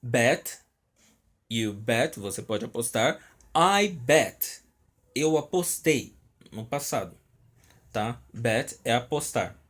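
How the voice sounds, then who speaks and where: A man's voice: mid-range voice, lively intonation, a bit bright. A Brazilian man teaching an online English lesson, repeating each word and checking in often with his students. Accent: Brazilian Portuguese. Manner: explains slowly, repeats words, checks in with "tá?" constantly. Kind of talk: recorded online language lesson.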